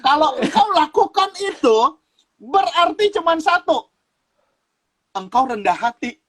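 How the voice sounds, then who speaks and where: A man's voice: very high voice, sing-song, unhurried, fairly bright tone, rough recording. A man from Sumatra teaching in a casual talk show, explaining like a preacher, repeating phrases and laughing as he goes. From Sumatra, Indonesia. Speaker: guest youth speaker.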